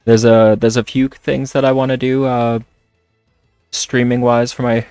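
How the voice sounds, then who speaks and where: A man chatting casually on a livestream while playing a game, talking in a hesitant, halting way. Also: mid-range voice, flat delivery, darkish tone, clear, resonant tone, dry recording, studio quality, faint music behind. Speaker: streamer. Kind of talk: casual livestream chat over gameplay.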